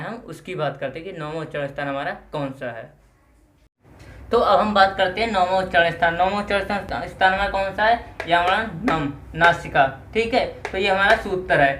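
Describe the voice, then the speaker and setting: A teacher walks through a lesson by asking questions and answering them right away, repeating each term for drilling. The voice sits at a middle pitch. It is recorded in an echoey room with a faint hiss underneath. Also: fairly bright tone. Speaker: online teacher of exam prep. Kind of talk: Hindi lesson on Sanskrit phonetics.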